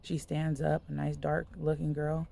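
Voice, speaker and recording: A woman's voice: low voice, level tone, a little slow, gravelly, dark tone. A woman minister giving a casual spoken sermon, retelling a dream in a loose, conversational way full of fillers.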